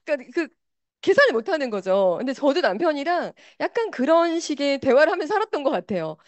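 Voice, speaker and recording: A woman giving an animated motivational talk, speaking directly to her audience on a microphone. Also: high-pitched, quick pace, no room sound.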